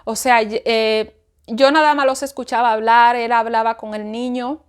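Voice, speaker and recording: A woman's voice: on the high side, fairly even intonation, normal speed, clear, resonant tone. A woman giving an emotional personal spiritual testimony, often repeating herself and acting out her own cries for help. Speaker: testimony speaker.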